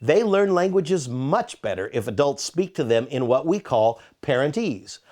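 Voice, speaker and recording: A man's voice: mid-range voice, sing-song, unhurried, darkish tone. A man narrating an educational parenting quiz, reading multiple-choice questions with playful emphasis. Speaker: author and narrator.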